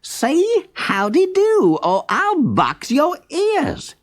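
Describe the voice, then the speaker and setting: A storyteller voicing a cocky, boastful male rabbit trickster in a very high, drawling, mock-pleading voice. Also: wildly swooping pitch, extremely slow, full character voice. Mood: blustering.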